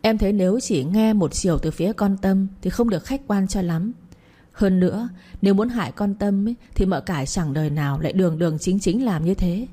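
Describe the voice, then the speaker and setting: A woman reading the part of a calm, fair-minded older concubine who argues in measured words. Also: mid-range voice, natural voice. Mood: reasoning. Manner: measured, reasoning.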